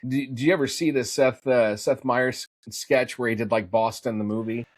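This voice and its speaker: A man's voice: mid-range voice, steady tone, normal speed, dry recording, studio quality. A middle-aged man hosting a podcast interview, hesitant and searching for his words. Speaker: podcast host.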